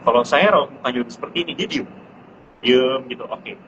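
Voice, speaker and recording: A man in his thirties, a parent sharing parenting tips in a casual live-stream chat, who jumps into a high pitch to mimic his child. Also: expressive, fairly quick. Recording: muffled live-stream audio with background noise.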